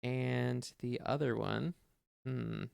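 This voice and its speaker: A man's voice: medium pitch, fairly even intonation, slow pace, gravelly, darkish tone, clean tone, dry recording, studio quality. A man running a tabletop game as game master, hesitant and thinking aloud with many fillers.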